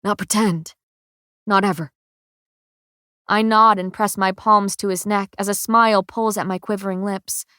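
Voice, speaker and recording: A woman narrating a first-person audiobook in a slow, measured, emotional reading on a close studio mic. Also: mid-range voice, level tone, sharp tone, clean tone, no room sound.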